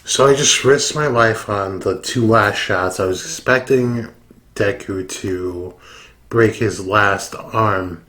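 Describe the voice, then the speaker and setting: A drunk man talks through his reactions in a lowish voice. He takes his time, speaking slowly and loosely with plenty of slang and cursing, like a casual online reaction host. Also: fairly bright tone. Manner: heavy swearing and slang.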